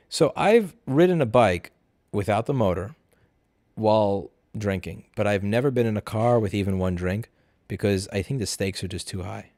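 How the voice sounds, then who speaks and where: A man's voice: lowish voice, darkish tone, no room sound. A drunk man hosting a casual livestream Q&A, reading out viewer messages and answering them in a blunt, profane, argumentative way. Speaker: livestream host.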